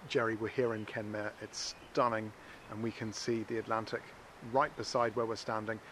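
A man's voice: on the low side, flat delivery, moderate pace, fairly bright tone. An Irish-accented man doing casual interviews on location as a roving radio reporter. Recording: faint outdoor background noise.

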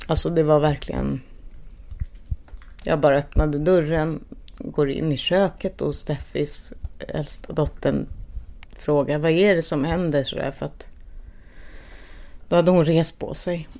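A middle-aged woman gives personal testimony in a hesitant, soft-spoken way, often pausing and starting her sentences over. Her voice sits low and has a gravelly, creaky edge. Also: fairly even intonation. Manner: halting, soft-spoken, with pauses and restarts. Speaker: interviewee, bereaved mother. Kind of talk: personal testimony in a documentary podcast.

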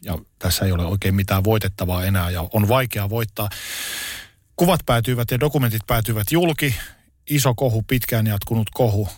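A man with a slightly low voice asks his guest short, direct questions in a calm tone. The sound is dry, with no room echo. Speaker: interviewer. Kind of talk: interview questions.

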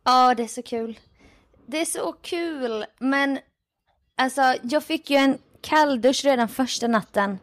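Animated higher-voiced woman telling stories. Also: no echo, clean studio sound. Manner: animated storyteller, reads listener mails aloud, laughs often. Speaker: night radio host talking on a podcast. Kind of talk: casual podcast chat. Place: home with building work going on.

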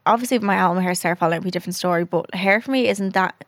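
A woman's voice: lowish voice, very fast, dry recording, clean studio sound. A woman with a Dublin accent chatting casually and frankly as a podcast co-host. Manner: frank, sweary. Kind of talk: casual chat.

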